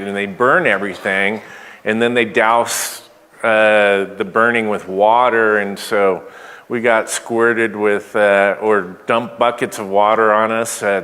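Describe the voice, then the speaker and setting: A man speaking as pastor, giving church announcements in a halting way, with many pauses and fillers. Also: on the low side, a bit bright. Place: church sanctuary. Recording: long church hall reverb.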